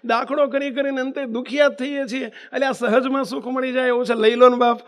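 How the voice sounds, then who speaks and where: Male preacher, unusually high pitch, storytelling sermon that is emphatic and pleading. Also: fairly even intonation, brisk. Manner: emphatic, full of rhetorical questions and pleading repetition. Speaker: religious preacher.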